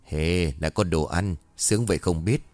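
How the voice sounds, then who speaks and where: A man's voice: low-pitched, moderate pace, darkish tone, no echo, lightly acted. A man voicing a blunt, impatient middle-aged man who snaps at others. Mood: gruff. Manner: brusque, snapping.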